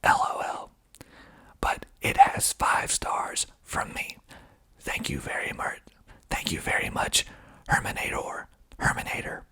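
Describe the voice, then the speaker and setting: This ASMR host, a filmmaker and actor, whispers as he reads, his voice breathy and largely unvoiced. He moves deliberately through the text and drops in dry, deadpan remarks.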